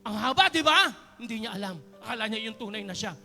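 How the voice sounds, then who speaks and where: A man preaching a sermon as pastor, joking with the congregation and calling for applause, moving between quiet talk and shouted praise. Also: sits high, lively intonation, fast talker, vocal fry, faint music behind. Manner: jokes with the congregation and calls for applause. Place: church hall. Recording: church hall with long reverb.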